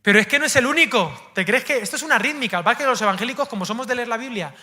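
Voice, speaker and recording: A male pastor with a Spain Spanish accent delivers a sermon in a very high voice. He speaks playfully and directly to his congregation, swinging between loud emphasis and hushed asides. His tone is strikingly bright and sharp. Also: racing.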